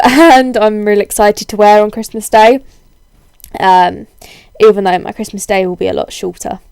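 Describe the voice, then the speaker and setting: A young woman with a cold-hoarsened voice, chatting casually in a rambling, self-deprecating way as a video blogger. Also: medium pitch, a little mellow, dry recording. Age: young adult. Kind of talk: casual chatty vlog, answering tag questions.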